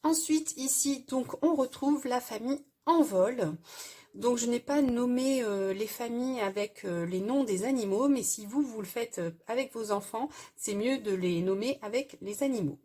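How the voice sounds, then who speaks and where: A woman with a somewhat high, breathy, husky voice talks through a craft tutorial. She explains each step plainly and hesitantly, often pausing on filler sounds as she shows her work. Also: warm tone. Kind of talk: casual crafting tutorial voice-over.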